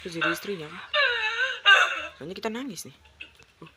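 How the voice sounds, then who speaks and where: A woman's voice: lowish voice, sing-song, a little fast. A young woman giving casual, slangy commentary while playing a story game. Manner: slangy, joking asides. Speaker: game streamer. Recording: loud background noise.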